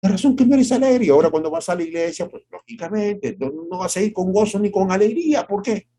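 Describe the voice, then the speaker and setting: An expressive middle-aged pastor preaches a devotional sermon, asking rhetorical questions and dramatizing quotes. His phrasing moves from soft and drawn out to suddenly high and exclamatory.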